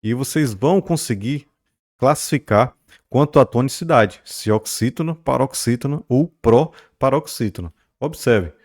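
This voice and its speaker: A man with an expressive, unhurried, mid-range voice that's a little mellow teaches grammar in a recording. He explains carefully, often asks students "beleza?" or "né?", and draws out the stressed syllables of words as models.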